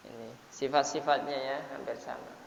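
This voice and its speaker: A man teaching Quran recitation rules, explaining in short broken phrases and drawing words out slowly to demonstrate, often clearing his throat. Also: medium pitch, fairly even intonation. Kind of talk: tajwid lesson, explaining and modeling recitation. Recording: echoey, hissy, dull lo-fi room recording.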